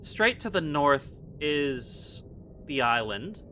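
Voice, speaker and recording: A man's voice: a little high, very animated, takes it slowly, bright, forceful tone, slight background noise. A man giving casual gameplay commentary, chatty and self-mocking as he thinks aloud. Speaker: gaming video host.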